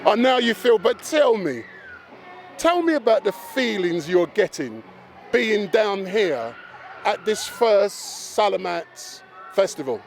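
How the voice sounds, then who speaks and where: A man with a high, gravelly voice conducts a street interview outdoors at a festival. His questions are friendly and probing, his pitch swings widely, and faint music plays behind him. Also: big pitch swings, slow.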